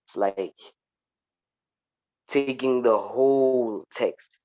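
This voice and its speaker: A man's voice: mid-range voice, drawn-out words, mellow, lo-fi sound. A man student answering a question in an online class, hesitant and unsure of his answer.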